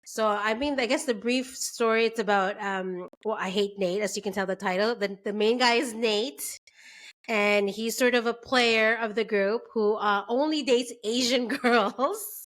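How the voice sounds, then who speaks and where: A chatty young woman from Canada hosts a relaxed book club talk over a video call. Her voice sits a bit high, and she fills her speech with ums and quick laughs. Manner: chatty, laughs often, many fillers. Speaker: book club podcast host. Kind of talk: casual chat.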